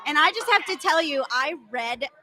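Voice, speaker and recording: Bubbly high-voiced woman. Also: expressive, moderate pace, loud music behind the voice. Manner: bubbly, enthusiastic. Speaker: livestream co-host. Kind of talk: bubbly charity stream banter.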